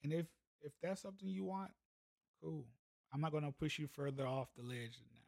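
A man's voice: on the high side, a little fast, vocal fry, darkish tone, no room sound. A man, telling a motivational story in a casual, slangy way as a podcast host. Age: 30s. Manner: laid-back, conversational, slangy.

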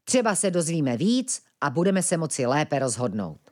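A thoughtful male animal from a children's story, weighing plans calmly, as a woman puts him on. He talks in a measured, reasonable way. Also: low voice. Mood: reasoning.

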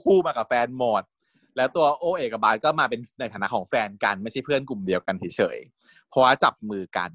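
A man co-hosting a podcast, chatting casually about a TV series, animated and laughing often. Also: medium pitch, fairly quick, no echo, studio quality. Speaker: podcast co-host. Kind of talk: casual chat reviewing a TV series.

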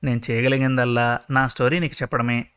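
A man voicing a kind, patient middle-aged mother in a told story, speaking gently and reassuringly. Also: mid-range voice, level tone, fast, smooth, close to an everyday voice.

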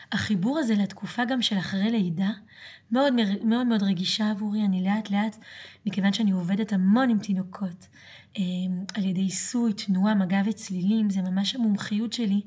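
A woman from France with a French accent and a slightly hoarse voice, speaking earnestly in a reflective, intimate podcast monologue as the host. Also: mid-range voice, a little mellow.

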